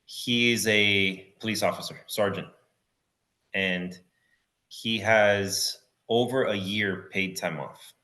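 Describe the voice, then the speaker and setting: Animated storytelling man. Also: lowish voice, takes it slowly. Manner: animated storyteller, acts out quotes, says bro and dude. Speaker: podcast guest, entrepreneur. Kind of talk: casual interview chat.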